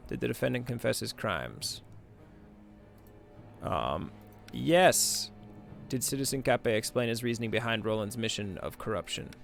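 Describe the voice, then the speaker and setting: A man's voice: medium pitch, lively intonation, moderate pace, creaky. A man hosting a gaming video, reading game text aloud and muttering casual commentary to himself. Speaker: gaming host. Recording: game music behind the voice. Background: game music.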